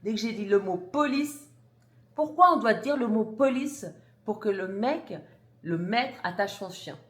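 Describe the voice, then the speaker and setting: A woman's voice: mid-range voice, animated, measured pace. A mother vlogging to camera, telling a story emphatically and indignantly, with restarts and blunt words. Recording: roomy echo.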